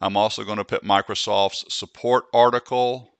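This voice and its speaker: A man hosting a screen-recorded software tutorial, speaking slowly and deliberately so he can demonstrate dictation commands. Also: on the low side, steady tone, clear, resonant tone, dry recording.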